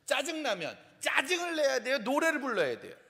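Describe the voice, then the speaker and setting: A man preaching a humorous revival sermon as a pastor, playful and animated, acting out the complaints of the people he talks about. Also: extremely high pitch, fairly quick, gravelly. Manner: playful, animated, acts out quoted complaints and sings snippets. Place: church sanctuary. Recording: long hall reverb.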